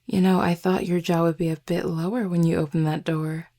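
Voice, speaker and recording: A woman voices a flirty, teasing, confident werewolf pack member in an intimate audio roleplay, speaking unhurriedly in a husky, gravelly voice. Her voice is on the low side, with a level tone, a brisk feel, and a mellow quality. She comes across as teasing and cool.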